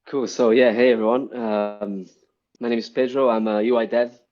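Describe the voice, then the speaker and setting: A Brazilian UI developer appears as a guest on a casual live-stream interview, explaining at length with plenty of ums and restarts. His mid-range voice is steady and at normal speed, and the stream audio is dull and lo-fi.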